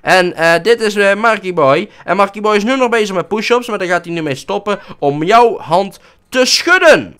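A man's voice: on the high side, fairly bright tone. A young man giving playful, casual let's-play commentary, often voicing his character with mock emotional outbursts. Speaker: gaming YouTuber.

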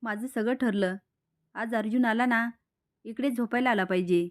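A woman's voice: on the high side, normal speed, natural voice. A woman voicing a calculating young woman plotting in a serial recap. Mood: scheming.

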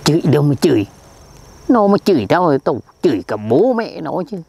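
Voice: medium pitch, very animated, brisk, vocal fry, mellow, slightly rough, exaggerated voice. A performer playing a boastful, dim-witted old village man, who answers back in a blustering, defensive way.

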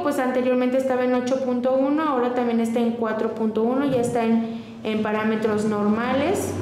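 Woman interviewer, pretty high voice, quick friendly questions, echoey office. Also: darkish tone. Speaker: interviewer at a clinic. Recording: echoey small room, faint noise.

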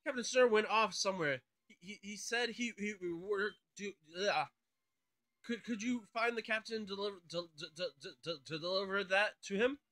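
Guy putting on a nervy stammering shipyard engineer, voice pushed up high. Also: normal speed, bright, forceful tone. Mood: fretful. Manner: stuttering, nervous. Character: flustered stuttering male shipyard engineer.

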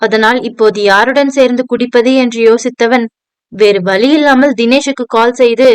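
Clear-voiced woman reading a novel aloud. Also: fairly high pitch, moderate pace, no echo. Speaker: narrator. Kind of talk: scripted narration of an audio novel.

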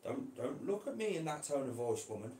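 A man's voice: medium pitch, big pitch swings, a little fast, warm tone. Man, chatty vlog, coaxing tone, roomy indoor echo, faint background noise. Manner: coaxing, chatty, talks to the snake. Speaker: reptile keeper vlogger. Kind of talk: casual vlog. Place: indoor room.

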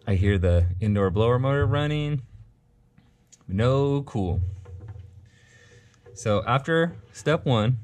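Fairly low-pitched and darkish, this man's voice belongs to an HVAC instructor working at a workshop bench with a test board. He teaches troubleshooting in a relaxed, step-by-step demo, reasoning out loud as he checks a circuit.

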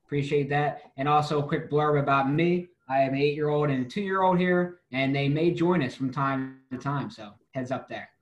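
A man's voice: on the high side, normal speed, few pauses, roomy sound, muffled recording. A man hosting and moderating a panel discussion over a video call, in a friendly, conversational way. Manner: upbeat, conversational. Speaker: webinar host.

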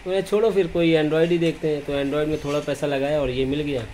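A young man talks casually to his phone camera for a vlog, laughing at himself now and then. His voice sits a little high. A faint background noise runs under him. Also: fairly even intonation, fast talker, mellow, rough recording. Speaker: vlogger.

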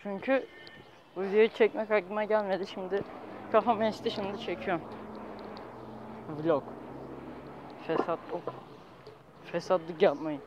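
Slow, high-voiced young man. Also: fairly even intonation. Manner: halting, rambling, self-correcting in fragments. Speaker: vlogger. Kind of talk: casual walking vlog. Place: outdoors, walking on city streets. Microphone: handheld phone at arm's length. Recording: dull handheld phone, outdoor street noise.

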